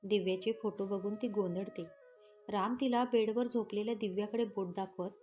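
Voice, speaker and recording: A woman storyteller narrating a romantic story in a steady, plain reading style. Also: mid-range voice, moderate pace, soft background music.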